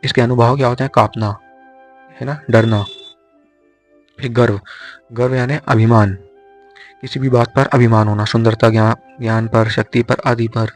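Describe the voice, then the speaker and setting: A young man tutoring for an exam, slowly drilling memory tricks syllable by syllable. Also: mid-range voice, steady tone. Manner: slow repetitive drilling of syllables. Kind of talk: explaining Hindi poetics mnemonics. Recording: faint music behind.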